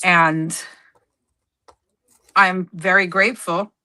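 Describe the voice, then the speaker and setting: On a crafting livestream about scrapbooking, a US woman who grew up speaking Spanish chats as co-host, frequently hunting for words and fixing what she's said. She talks very slowly in a lowish, bright, forceful voice with fairly even intonation, over slight background noise.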